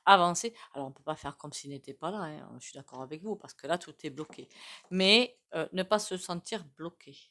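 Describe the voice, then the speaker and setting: Lowish lady chatting through a tarot spread, lots of hein and euh. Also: a little fast, a bit bright. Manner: chatty, many fillers and asides to viewers. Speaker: tarot reader. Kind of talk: casual tarot reading monologue.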